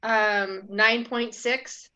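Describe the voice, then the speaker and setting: A woman taking part in an online class, heard over a video call, talking in a casual, halting way. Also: a little high, fairly even intonation, bright, forceful tone. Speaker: course participant.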